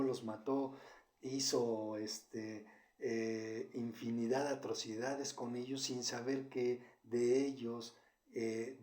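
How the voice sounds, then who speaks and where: A man giving a Bible study sermon, talking haltingly with many fillers and repeated words. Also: medium pitch, a little mellow. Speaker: Bible teacher. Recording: roomy echo.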